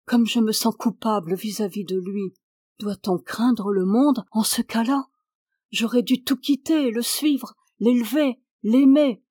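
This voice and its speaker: A woman voicing a grieving elderly mother, pleading in anguished outbursts, with a husky voice. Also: fairly high pitch, a little mellow, no room sound, clean studio sound.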